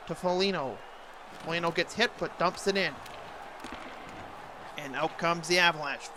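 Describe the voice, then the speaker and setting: High-voiced man calling hockey play-by-play. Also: noisy background. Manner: narrates each play in short clipped phrases. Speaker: amateur play-by-play commentator. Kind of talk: video game hockey commentary, announcer impression.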